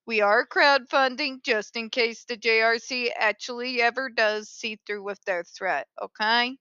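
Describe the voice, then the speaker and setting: A woman's voice: on the high side, a little slow, pushed and bright, clean tone, no echo, lo-fi sound. A woman hosting an opinionated commentary show in a polished call-center phone voice, speaking in a blunt, sarcastic, emphatic way. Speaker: host of an advocacy commentary show.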